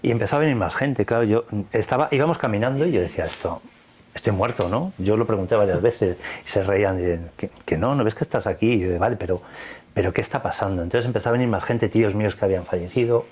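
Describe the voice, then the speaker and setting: A man's voice: fairly low pitch, fast talker, darkish tone, slight background noise. A man from Spain with a Spanish accent, recounting a personal experience in earnest, vivid detail, quoting the dialogue. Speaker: interview guest.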